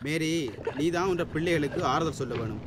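A man's voice: on the high side, brisk, very noisy, lightly acted. A man acting an authoritative, reassuring employer in an old-fashioned radio drama, earnest and declamatory. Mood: consoling, firm. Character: authoritative, reassuring boss, benefactor of workers' families.

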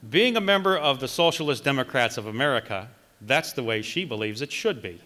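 A middle-aged man from Wisconsin, a political candidate reading a campaign speech at a podium microphone with measured emphasis. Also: medium pitch, expressive, bright, forceful tone. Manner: reads from notes, emphatic measured delivery. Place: large conference hall, indoors. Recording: long hall reverb.

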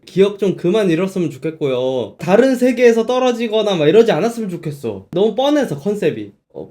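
A man's voice: high-pitched, warm tone. A man giving casual, chatty reaction commentary on game footage as a streamer.

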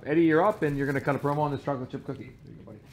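A man casually introduces a class exercise at a very rapid clip. His voice sits a little high, and there is faint noise in the room recording. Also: gravelly. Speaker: promo class leader. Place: large carpeted hotel meeting room, indoors.

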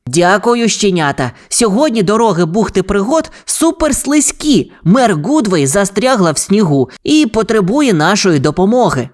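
A woman's voice: mid-range voice, big pitch swings, normal speed, few pauses, darkish tone, voice pushed up, close to an everyday voice. A woman voicing a brave young boy who leads a team of rescue pups, giving upbeat, commanding calls. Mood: eager. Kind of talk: children's audio fairy tale.

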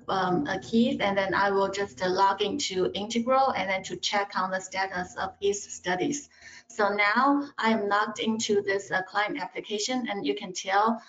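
A woman's voice: mid-range voice, roomy sound, lo-fi sound. Hesitant woman narrating a screen recording. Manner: hesitant, many fillers. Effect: screen-recorded video call audio. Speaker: analyst presenting software. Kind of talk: narrating a screen-share software demo.

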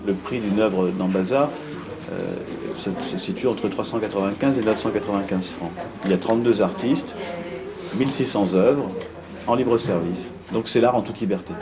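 A middle-aged man seated in a gallery cellar, answering an interview in a blunt, brisk way with many restarts. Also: fairly low pitch, music in the background, poor audio. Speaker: art fair organizer. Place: vaulted brick gallery cellar, indoors.

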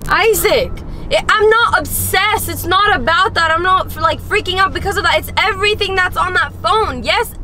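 A woman's voice: very high-pitched, moderate pace, sharp tone. A woman in her twenties protesting in exasperation, in casual vlog talk inside a car. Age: 20s. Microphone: camera mounted on the car dashboard.

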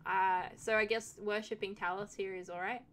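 Bright-voiced woman streamer, chatty and sweary. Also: medium pitch, steady tone, moderate pace. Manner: chatty, swears, jokey asides. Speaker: game streamer. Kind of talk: casual let's-play commentary.

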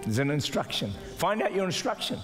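Preaching fairly quickly with big swings in pitch, an older male pastor exhorts his listeners, building to shouts and imitating doubters in a raised voice. It's a live recording in a big, reverberant church auditorium with a stage, with gentle music and congregation replies behind him.

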